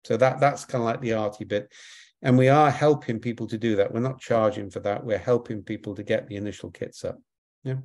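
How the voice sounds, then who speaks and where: A man's voice: lowish voice, brisk, darkish tone. A man answering audience questions in a webinar, explaining with repeated words and frequent "right?" tags.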